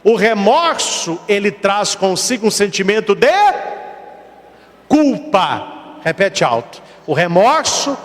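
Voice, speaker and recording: A priest preaches in a high, lively voice, firing rhetorical questions and repeating his points for emphasis. His pitch leaps around as he talks. A long reverb trails behind him. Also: slow pace. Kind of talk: sermon.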